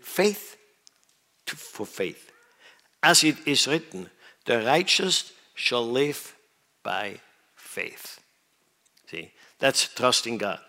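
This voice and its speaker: A man's voice: mid-range voice, sing-song, very slow, long pauses, pushed and bright. A man from Switzerland preaching a sermon, stressing his points and often asking the audience whether they understand. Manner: emphatic, questions the audience often.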